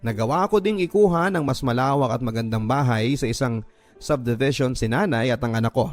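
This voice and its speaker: A man with a mid-range voice and a Filipino accent reads fairly quickly, narrating a listener's story in an emotive, scripted first-person style. He's a radio drama host reading a letter, and music plays behind his voice.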